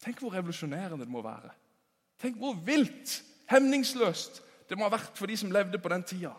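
A man delivers a sermon with a fairly high voice. His delivery is emphatic, swinging between ringing calls and hushed asides. The sound carries a long reverb from a large church hall. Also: very animated. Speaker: preacher.

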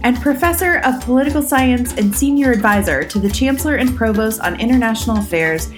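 A woman hosting a podcast, reading news items and then interviewing a guest in a measured, articulate way. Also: fairly high pitch, lively intonation, faint music behind. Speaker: podcast host.

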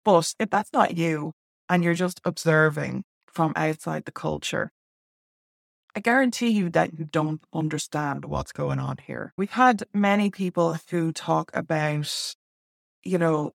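An Irish online school presenter in their forties gives blunt, emphatic opinions to camera, wandering into asides and tacking on "right?" tags. The medium-pitched voice is gravelly, captured in a dry, studio-quality recording.

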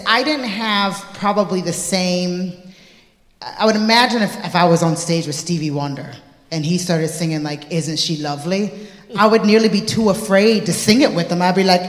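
A woman singer answering questions in a live on-stage interview, telling her story in an animated, reflective way. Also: fairly low pitch. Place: large hall before a live audience. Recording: echoey hall with long reverb.

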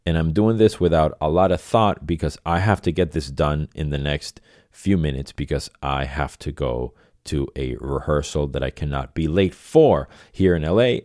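This is a casual solo podcast from a middle-aged Venezuelan host whose bass voice has a darkish tone and an ordinary pace. He wanders through his thoughts, fixing his own wording and repeating himself, captured dry in a clean studio.

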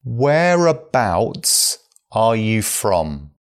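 A man reads phrases for a language lesson, first slowly and then again at normal speed. His pitch moves a lot as he spells out each phrase clearly. The overall pace is slow and careful. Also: very animated. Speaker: phrase teacher.

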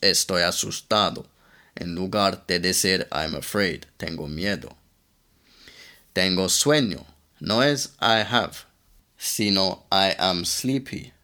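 A man with a very low, deep voice teaches a language lesson at an unhurried pace. He drills example sentences patiently, one after another. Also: bright, forceful tone. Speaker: English teacher. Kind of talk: podcast-style language lesson.

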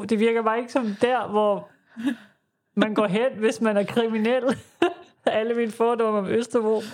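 A woman's voice: medium pitch, darkish tone. A Danish-accented woman co-hosting a podcast, chatting casually and telling anecdotes with acted-out quotes. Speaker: podcast co-host.

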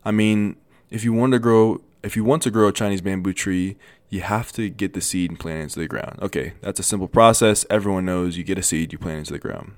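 A man in his twenties telling a motivational story in a casual, animated way, with many restarts and repeated phrases. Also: low-pitched, fast talker, few pauses, dry recording. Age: 20s. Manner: animated, repetitive, lots of restarts. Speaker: motivational vlogger.

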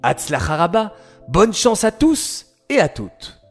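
Cheerful man host talking to kids, high, slow, lively delivery. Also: slightly rough, faint music behind. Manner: cheerful, encouraging. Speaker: children's program host. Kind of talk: addressing children directly.

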